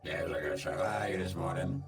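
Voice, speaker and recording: A man's voice: sits low, moderate pace, recorded from a distance. A man hosting a live stream, chatting casually and laughing often inside a social VR world. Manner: laid-back, laughs often. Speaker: streamer host. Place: social VR world at a virtual convention. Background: music playing.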